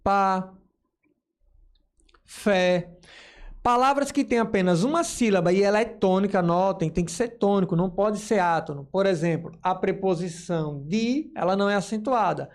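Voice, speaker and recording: A man's voice: sits high, normal speed. A male teacher giving a grammar lesson, explaining step by step and voicing imagined student questions.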